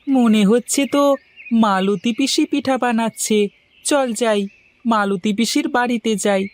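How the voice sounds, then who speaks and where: In cartoon voice acting, a performer voices an easygoing young village man who chats good-naturedly. The mid-range, natural voice moves a little slowly, with a chatty mood.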